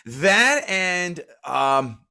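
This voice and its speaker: Bright-voiced profane male podcast co-host. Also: high voice, drawn-out words. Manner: profane, animated storyteller who shouts out quotes. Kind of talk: casual comedy podcast chat.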